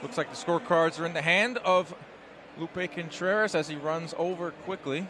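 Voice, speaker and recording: A man's voice: fairly high pitch, steady tone, moderate pace, noisy background. A man hosting a live boxing broadcast, giving play-by-play and recaps as a commentator. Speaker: play-by-play host.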